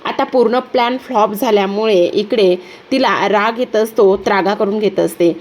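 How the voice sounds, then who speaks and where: A woman narrating a recap of a TV serial episode in a steady, repetitive storytelling manner. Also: medium pitch, normal speed.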